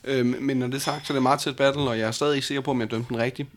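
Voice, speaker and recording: A man's voice: medium pitch, fairly even intonation. Rambling young Danish-speaking man. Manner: rambling, many fillers and restarts. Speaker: podcast co-host and battle judge. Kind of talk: casual podcast chat.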